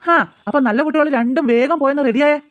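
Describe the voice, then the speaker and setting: A woman's voice: high-pitched, fast talker, no echo, dull audio, natural voice. Woman voicing a jovial cartoon dad. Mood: coaxing. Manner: fond, chiding, joking. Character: cheerful middle-aged father, gently teasing, calm. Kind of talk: cartoon voice acting.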